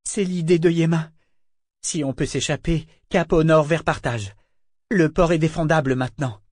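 A man's voice: on the high side, moderate pace, darkish tone, dry recording, clean studio sound, pitched above the performer's own voice, close to an everyday voice. A man reading aloud voices a young woman sailor, urgent and determined, in a pressing, pleading tone.

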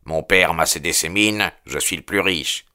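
A man's voice: sits low, normal speed, bright, forceful tone. A man reading an audiobook, voicing a self-satisfied young heir in a self-assured manner.

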